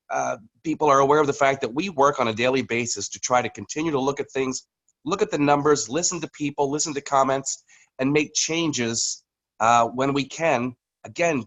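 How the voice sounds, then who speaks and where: A man's voice: medium pitch, a bit bright, poor audio. A man, a company communications executive, giving a casual, rambling business update on a video call, with many fillers and restarts.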